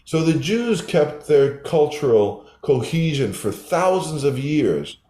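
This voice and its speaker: An older developmental psychologist answers an interview question about his research, thoughtfully but with frequent restarts. His voice is high-ish, mellow, and sing-song, his pace slow, and the recording has a roomy echo.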